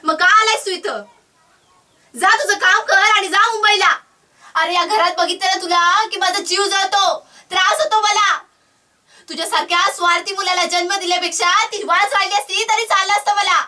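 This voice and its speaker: A woman's voice: very high voice, steady tone, moderate pace, sharp tone, distant mic. A woman playing a bitter grieving mother. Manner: reproachful, tearful. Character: bitter grieving mother scolding her son.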